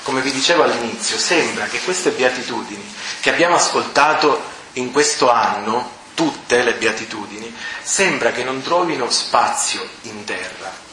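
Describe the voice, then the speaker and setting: A man from Sicily, preaching a fervent sermon to a prayer group and swelling to near-shouting on key words. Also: medium pitch, animated, normal speed, a crowd in the background. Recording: echoey hall with faint ambience.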